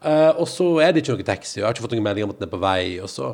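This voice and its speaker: A man hosting a podcast, telling a long anecdote in casual chat and acting out what people said. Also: fairly low pitch. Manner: animated anecdote-telling, acts out quoted voices. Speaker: podcast host.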